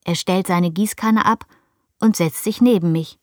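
A woman narrating a first-person story as a reader, in a lively storytelling manner. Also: on the low side, a little slow, no room sound, studio quality. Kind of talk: storybook reading.

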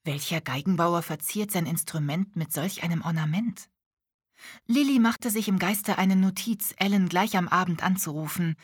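A woman reading a novel aloud as audiobook narrator, with an even, measured storytelling style. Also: on the low side, slightly rough, no echo, studio quality. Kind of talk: scripted narration.

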